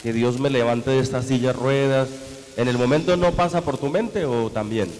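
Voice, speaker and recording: A man's voice: medium pitch, normal speed, a little mellow, big-room sound, a little hiss or hum, poor audio. A man interviewing a guest on a church program, asking leading questions and switching between tú and usted.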